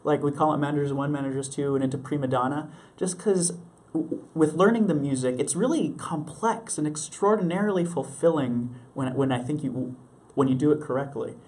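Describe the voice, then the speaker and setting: A man's voice: fairly high pitch, a little fast, darkish tone. A young man from Mexico, a stage actor, answering interview questions in an eager, earnest way and laughing easily. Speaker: Broadway actor, interview guest. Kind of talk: casual interview chat.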